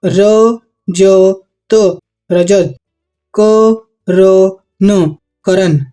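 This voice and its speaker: A teacher walking students through Hindi vowel signs, spelling out words one syllable at a time. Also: male voice, sits high, steady tone, drawn-out words, mellow, soft background music. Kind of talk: Hindi phonics lesson.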